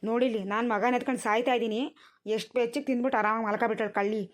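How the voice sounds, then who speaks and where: A woman voicing a tired, sharp-tongued village grandmother in a cartoon, nagging and scolding. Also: on the high side, fairly even intonation, rapid-fire, lightly acted. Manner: nagging, scolding rural speech. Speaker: grandmother tending a newborn.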